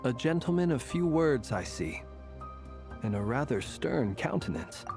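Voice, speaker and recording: A man's voice: medium pitch, very animated, unhurried, music in the background. A man voicing a confident, gallant adventurer in a video game, speaking with eloquent, theatrical formality. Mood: cheerful, gallant.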